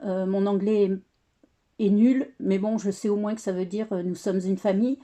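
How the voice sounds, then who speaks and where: A woman's voice: mid-range voice, steady tone, normal speed, warm tone. A woman casually presenting a scrapbooking album, chatty and hesitant, with many fillers and restarts. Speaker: scrapbooking crafter showing her work. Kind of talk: casual craft tutorial.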